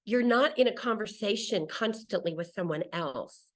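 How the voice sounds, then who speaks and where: A solo traveler in her sixties and native speaker of English, this woman is an interview guest with a medium-pitched, animated voice at a moderate pace. Her casual storytelling is full of self-interruptions and quotes she acts out.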